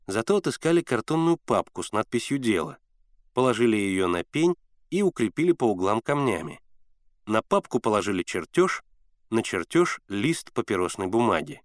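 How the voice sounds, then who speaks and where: Male audiobook narrator, lively storyteller, dry booth sound. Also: fairly low pitch, no echo. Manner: expressive, animated storytelling. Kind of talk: audiobook reading.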